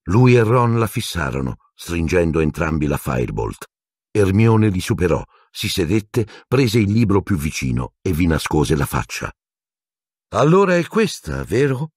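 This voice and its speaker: A man narrating an audiobook with expressive, storytelling intonation. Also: deep voice, normal speed, husky, dry recording, clean studio sound.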